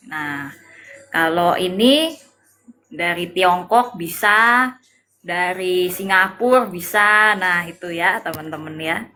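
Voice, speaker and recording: Slow, bright-voiced woman teaching a live lesson. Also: medium pitch, slight background noise. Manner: slow, patient explaining with frequent "nah" and "ya". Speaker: Mandarin teacher. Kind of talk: live-streamed language lesson.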